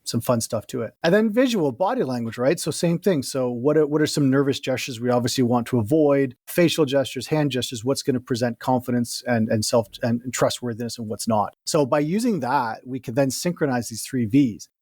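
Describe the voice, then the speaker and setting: A man who works as a communication coach, explaining his method in a lively, chatty way as an interview guest. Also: medium pitch, no echo, clean studio sound. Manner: lively, explanatory, quick bursts and laughs. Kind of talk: casual interview talk.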